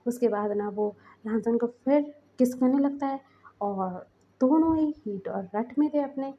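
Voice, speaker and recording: A woman's voice: fairly high pitch, unhurried, lo-fi sound. A woman narrating a fanfiction story in a chatty, casual way with lots of fillers.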